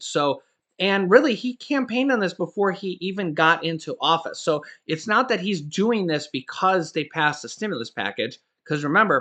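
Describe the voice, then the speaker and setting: The speaker is a finance YouTuber in his forties whose voice runs high with a sharp tone. He discusses finance news casually but with emphasis, repeating "okay?" to drive things home and often correcting himself or starting over.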